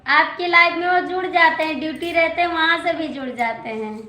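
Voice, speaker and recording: High-pitched lady going live from home, slow easy chat, echoey room with a faint hum behind. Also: bright, forceful tone. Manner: chatty, thanks viewers and reads comments aloud; scolds a child at home between comments. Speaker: folk singer hosting a live stream. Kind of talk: casual live-stream chat.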